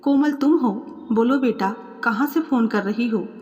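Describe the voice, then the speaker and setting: Worried, coaxing storybook father, high pitch for the part, long reverb, voiced by a woman. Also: measured pace, a little mellow, highs cut off, soft background music, natural voice. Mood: anxious. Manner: anxious, coaxing. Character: worried gentle father calling his daughter.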